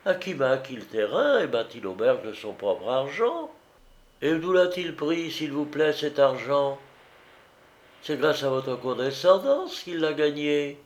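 A man's voice: fairly high pitch, expressive, a little slow, pitched above the performer's own voice. A man reading aloud, voicing a sly, persuasive woman housekeeper who coaxes her mistress. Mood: wheedling. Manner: wheedling, persuasive.

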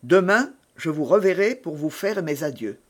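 A man's voice: on the high side, expressive. A man reading aloud, voicing a stern baron who coldly threatens a prisoner. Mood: coldly threatening. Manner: measured, menacing.

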